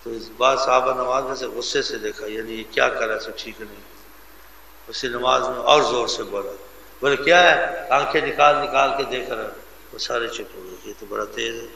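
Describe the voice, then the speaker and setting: Male preacher, gravelly and forceful, emphatic storytelling sermon in an echoey hall. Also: mid-range voice, fairly even intonation, slight background noise. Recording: echoey hall, faint ambience.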